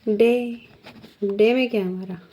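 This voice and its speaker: Slow, patient woman teacher. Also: mid-range voice, steady tone, mellow. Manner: slow, patient, asks the class questions. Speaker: shorthand teacher. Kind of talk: step-by-step lesson. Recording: dull lo-fi sound.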